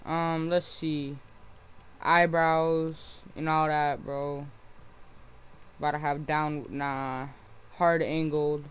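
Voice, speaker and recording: A man's voice: a little high, level tone, slow, long pauses, a bit bright, clear, resonant tone. A young man casually commenting on his own gameplay, slangy, tacking "bro" onto nearly every line. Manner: slangy, says "bro" constantly. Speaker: gamer.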